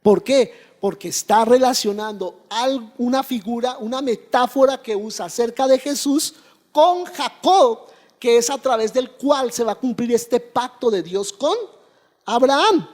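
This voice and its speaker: A pastor preaching a sermon, asking the congregation questions and answering them, with frequent amens. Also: male voice, extremely high pitch, unhurried, a little mellow. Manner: preaching with call-and-response questions and repeated amens. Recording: long hall reverb.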